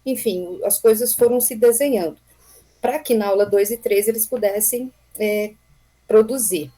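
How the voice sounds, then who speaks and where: A Brazilian woman teacher presenting a class project over a video call in an unhurried, explanatory way, from home on a computer mic. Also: mid-range voice, mellow, low-quality recording. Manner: unhurried, explanatory, with light laughs. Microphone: computer microphone on a video call.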